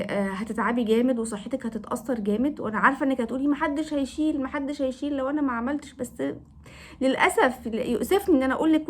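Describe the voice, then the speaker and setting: A woman's voice: on the high side, darkish tone. A woman with an Egyptian Arabic accent giving advice straight to camera, scolding careless husbands with pointed rhetorical questions. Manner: reproachful, lecturing, addresses husbands directly with rhetorical questions. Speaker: advice vlogger. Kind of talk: direct-to-camera advice talk.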